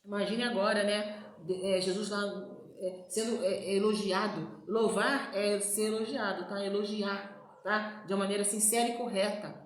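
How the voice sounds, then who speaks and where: A woman's voice: mid-range voice, fairly even intonation, normal speed. A Brazilian woman preaching an informal sermon in a chatty way, often turning to her listeners with little asides. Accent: Brazilian Portuguese. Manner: chatty, frequent "né, gente" asides. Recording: very echoey room, faint noise.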